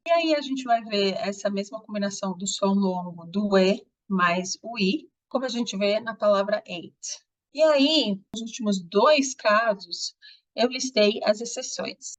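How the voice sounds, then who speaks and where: Slow, patient woman teaching. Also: mid-range voice, highs cut off. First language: Portuguese. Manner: slow, deliberate explaining with rhetorical questions. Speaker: English teacher. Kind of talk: video lesson.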